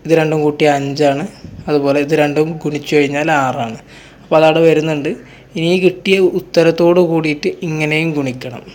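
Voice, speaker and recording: A man teaching a math lesson, who asks questions and answers them himself as he works through each step. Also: a little high. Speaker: exam coaching teacher.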